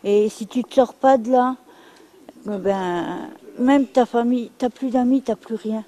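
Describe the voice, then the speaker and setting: Blunt Frenchwoman, mellow voice. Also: fairly high pitch, unhurried, low-quality recording. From France. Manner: blunt, repetitive, emphatic. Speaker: interviewee. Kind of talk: candid testimony.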